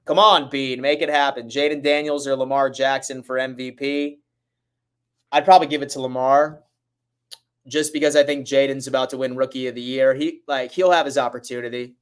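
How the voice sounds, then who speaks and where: A man hosting a casual sports livestream, talking to his viewers in a hurried, urgent way. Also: medium pitch, little pitch movement, clear, resonant tone.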